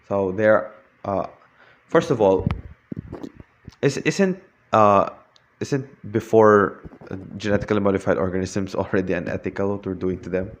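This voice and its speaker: A man's voice: on the low side, a little slow, pauses often, slight background noise. A young man giving a prepared talk to a class, hesitant, with frequent restarts and fillers.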